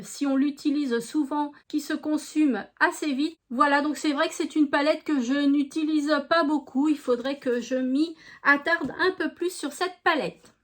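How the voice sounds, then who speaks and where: A woman with a French regional accent chatting casually through a beauty product review, unhurried, with many fillers. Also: high-pitched. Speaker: beauty vlogger.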